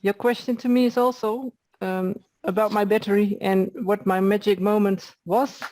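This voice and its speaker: A woman's voice: mid-range voice, fairly even intonation, normal speed, a little mellow, no room sound. A woman at home telling a casual story over a video call, friendly and with some fillers. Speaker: session participant.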